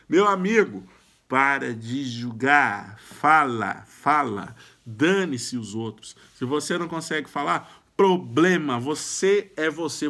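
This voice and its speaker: A Brazilian man speaks casually but firmly to his viewers, pressing his advice home. His voice sits somewhat high for a man, and he sometimes catches on a sound and repeats it before he goes on. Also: fairly bright tone. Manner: emphatic, exhortative, repeats sounds at starts of phrases. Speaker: YouTube speaker giving self-help tips. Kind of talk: casual direct-to-camera advice.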